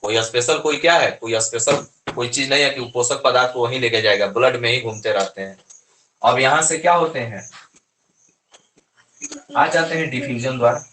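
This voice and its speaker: A man's voice: medium pitch, normal speed, pauses often, sharp tone, slight background noise. A man giving a lesson, asking his students questions and answering them himself. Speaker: teacher. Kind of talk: classroom lecture. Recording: echoey room.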